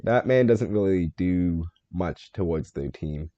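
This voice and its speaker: A man with a low, mellow voice talks through a live game stream, musing over his choices and joking at his own expense. The sound is dry and a little dull and lo-fi, like a home stream mic. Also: lively intonation, unhurried. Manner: thinks aloud, answers chat, joking and self-deprecating. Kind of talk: live gameplay stream commentary.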